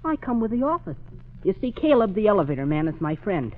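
A man's voice: high voice, big pitch swings, fast talker. An actor playing a plucky, polite, self-assured teenage office boy in 1940s radio style, earnest and chirpy. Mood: confident. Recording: dull vintage radio recording.

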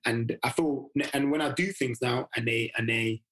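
A man talking as a podcast guest about coaching fathers, animated and full of laughs, often acting out little quoted lines from other people. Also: mid-range voice, moderate pace, rough recording. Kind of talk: casual interview chat.

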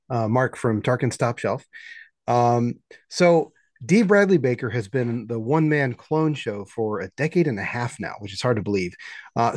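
A man's voice: medium pitch, darkish tone, dry recording, clean studio sound. A man putting prepared questions to an interview guest. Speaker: interviewer, podcaster asking questions.

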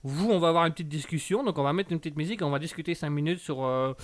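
A man's voice: a little high, rapid-fire, no room sound. A man hosting a live comic radio call-in show, teasing and playfully bossy with his guests, on a close studio mic.

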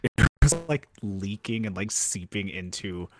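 Deep-voiced guy on a podcast, upbeat, quick comebacks, dry close mic. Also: dry recording, soft background music. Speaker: podcast co-host. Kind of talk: casual chat.

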